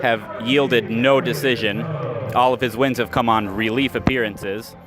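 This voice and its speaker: Over loud music, a male radio announcer gives live baseball play-by-play at an outdoor ballpark, reacting to the action in clipped phrases. His mid-range voice is unhurried, and his intonation stays fairly even.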